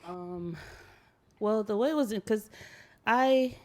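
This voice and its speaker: A woman from Haiti, talking casually on a podcast and pausing often with ums. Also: mid-range voice, dark tone. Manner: hesitant, many ums.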